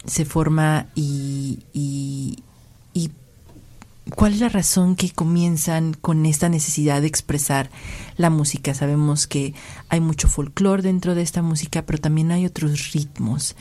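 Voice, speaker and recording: A woman interviewer with a low, warm-toned voice. She asks long questions that circle around before landing, padding them with small filler sounds. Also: steady tone, measured pace. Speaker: interview host.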